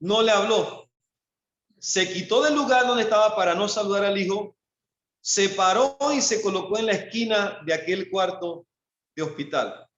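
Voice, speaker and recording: Male pastor with a Panamanian accent, high voice, sermon delivery with rhetorical questions, recorded in a roomy church. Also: normal speed. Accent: Panamanian Spanish. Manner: preaching with rhetorical questions, dropping low and soft for quoted lines. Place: church hall. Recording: echoey church, dull lo-fi sound.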